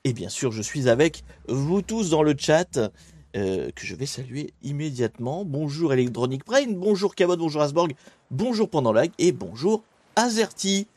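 A man's voice: fairly high pitch, sing-song, moderate pace, darkish tone, no room sound. A young man hosting a live stream in a casual, rambling way, chatting with his viewers while he plays a game, with many fillers and restarts. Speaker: streamer and host.

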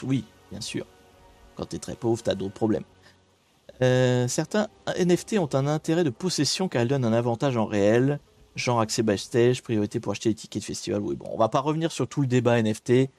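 A man's voice: mid-range voice, a little mellow, dry recording. A man hosting a casual live stream, chatting to viewers with frequent hesitations and restarts.

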